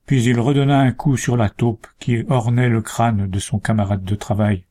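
A man reading a story aloud in a measured, deliberate storytelling manner. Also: medium pitch, fairly even intonation, mellow. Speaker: narrator.

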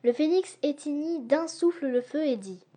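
High-voiced woman reading a storybook. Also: moderate pace. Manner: lively, expressive reading. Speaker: audiobook narrator. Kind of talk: storybook narration.

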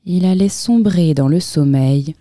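Low, mellow woman reading a storybook. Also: measured pace, dry recording, studio quality. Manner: expressive, lively storytelling. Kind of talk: reading a children's picture book aloud.

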